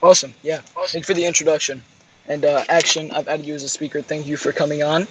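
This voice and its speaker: A man's voice: a little high, little pitch movement, quick pace, noisy background. A man hosting a livestream, giving the speakers short, easy prompts. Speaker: host.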